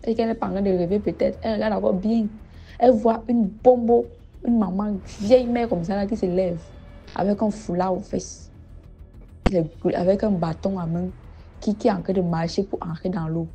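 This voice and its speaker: A woman's voice: mid-range voice, steady tone, moderate pace, dark tone. A woman, telling a village story in a casual spoken way, often hesitating and repeating words. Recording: dull lo-fi audio with background music.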